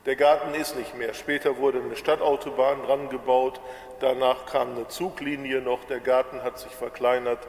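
Slow-preaching man with a Ruhr accent. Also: mid-range voice, roomy sound, big-room sound. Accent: Ruhr German. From Bochum, Ruhr area, Germany. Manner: slow, measured preaching with drawn-out words. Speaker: pastor. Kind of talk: sermon.

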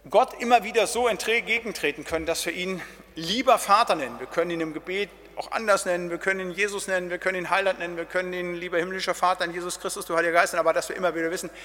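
A man's voice: high voice, bright, forceful tone, big-room sound. A middle-aged man, a pastor, giving a casual Bible study talk and dropping in "ne?" and "halt" as he goes. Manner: casual, with tag questions "ne?" and "halt".

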